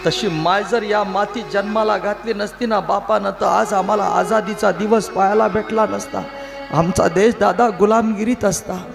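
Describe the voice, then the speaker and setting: A man's voice: sits high, steady tone, normal speed, gravelly, music in the background. A man preaching an impassioned, rhetorical devotional sermon, addressing listeners as brothers, over live instrumental accompaniment. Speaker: kirtan preacher.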